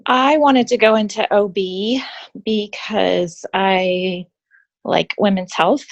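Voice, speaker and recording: A woman who works as a labor and delivery nurse, explaining her job in a plain, slightly halting way. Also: mid-range voice.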